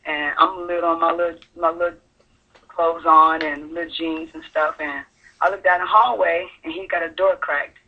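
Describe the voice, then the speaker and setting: A woman calling in to a radio show, telling her personal story in a halting, earnest way. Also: lowish voice, steady tone, breathy edge. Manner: halting, earnest, full of fillers. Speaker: caller sharing her story. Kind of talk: personal testimony on call-in radio. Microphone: telephone. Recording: tinny phone line.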